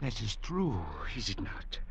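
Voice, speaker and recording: An actor playing a bitter, suspicious castaway in a drama, volatile and menacingly mock-polite. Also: male voice, medium pitch, big pitch swings, unhurried, vocal fry, a little hiss or hum. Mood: sly, sardonic. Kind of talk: theatrical drama acting.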